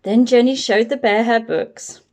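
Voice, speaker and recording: Here a woman with a fairly high-pitched voice is reading from a children's picture book. She narrates with deliberate pacing and plenty of expression, like a storyteller.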